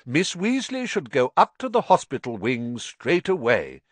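A man voicing a wise, gentle old headmaster who speaks in a measured way. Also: mid-range voice, big pitch swings, dry recording, pitched above the performer's own voice. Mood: firm.

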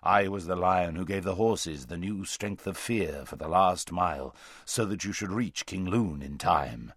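A man reading aloud and voicing a huge male lion that speaks slowly, gravely and gently. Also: low-pitched, no room sound, voice pushed down. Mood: solemn. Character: huge, calm, deep-voiced male lion.

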